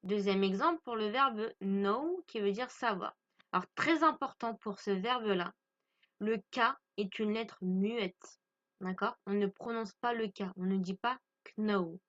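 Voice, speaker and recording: A woman's voice: mid-range voice, measured pace, dull audio. A woman from France teaching English grammar to French speakers, patiently stressing pronunciation and repeating each point.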